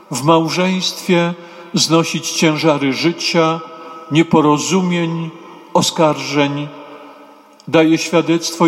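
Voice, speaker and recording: A man preaching a sermon in a church, speaking in short, measured, solemn phrases that sometimes lift into a half-chant. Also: a little high. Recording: long church reverb.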